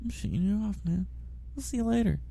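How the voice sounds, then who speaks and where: A man's voice: sits high, fast talker, creaky, dry recording. A congested man with a rattly, chesty, phlegmy voice, chatting casually and playfully as a podcast co-host. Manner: animated, jokey, playful. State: congested, coughing with a cold.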